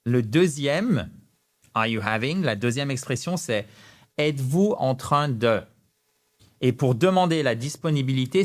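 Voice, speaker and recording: A French-accented man gestures through a lively online English lesson, stretching out sample phrases with a rising lilt. He has a fairly high pitch.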